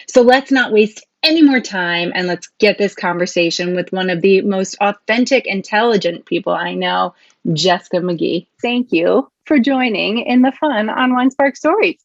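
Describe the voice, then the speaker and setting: A woman's voice: medium pitch, normal speed, no room sound, muffled recording. A woman hosting a podcast, earnest and upbeat as she introduces her topic and guest. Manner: earnest, upbeat, frequent laughs. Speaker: podcast host. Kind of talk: casual podcast interview.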